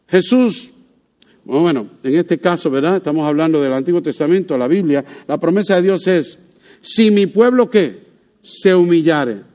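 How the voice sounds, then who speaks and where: High-voiced pastor preaching, mellow tone. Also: male voice. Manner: conversational preaching with rhetorical questions and light joking. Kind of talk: sermon.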